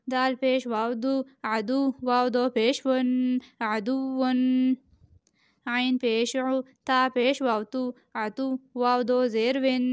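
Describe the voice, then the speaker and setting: A woman teaching Quran reading, spelling out each syllable slowly and then joining them. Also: high-pitched, clear, resonant tone, dry recording, studio quality. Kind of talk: slow spelled-out recitation lesson.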